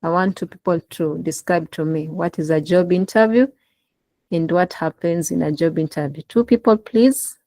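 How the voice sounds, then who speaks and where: Woman, instructor, low pitch, dark mellow tone, dry close sound, video call. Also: normal speed, no room sound, low-quality recording. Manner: encouraging, prompting participation. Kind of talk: online class session. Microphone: laptop in a video call.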